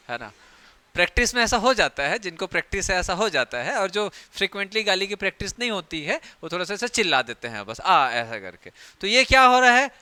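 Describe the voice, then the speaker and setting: Male teacher, high bright voice, crisp, dry sound, jokey lecture. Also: no echo. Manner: chatty, jokey, acts out everyday scenes. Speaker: biology teacher. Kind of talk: classroom lecture.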